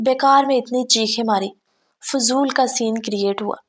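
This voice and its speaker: A woman's voice: fairly high pitch, close to an everyday voice. A woman voicing a jealous, scornful young woman. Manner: scornful, cutting.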